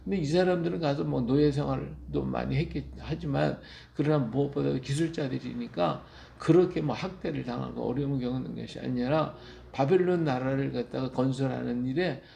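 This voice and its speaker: A middle-aged man reading a Bible chapter aloud and explaining it, in a slow, musing way with many fillers and restarts. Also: medium pitch, vocal fry, mellow, a little hiss or hum. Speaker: Bible teacher.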